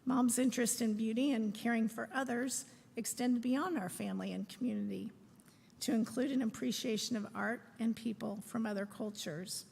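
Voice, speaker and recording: A middle-aged woman reads a prepared eulogy aloud in a measured, phrase-by-phrase way, speaking in a large room. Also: on the high side, fairly even intonation, gravelly, a little mellow, slight background noise. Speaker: daughter giving a eulogy. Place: large room at a memorial service. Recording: echoey hall with long reverb.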